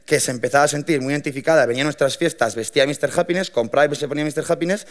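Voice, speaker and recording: A young man, telling his founding story to an audience in a lively, colloquial way with many restarts. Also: on the high side, rapid-fire. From Madrid, Spain. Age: 20s. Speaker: young entrepreneur giving a talk.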